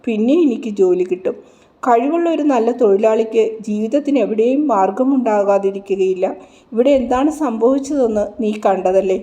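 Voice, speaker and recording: A woman voicing a gentle carpenter husband who reassures his wife in a read-aloud devotional story. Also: fairly high pitch, moderate pace, lightly acted. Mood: consoling. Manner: steady, consoling.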